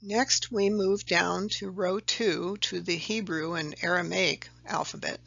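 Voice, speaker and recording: Going step by step through slides, a video presenter explains a letter-number table and corrects themselves at times. Their medium-pitched, unhurried voice has fairly even intonation, vocal fry, and a sharp tone, and the audio sounds dull.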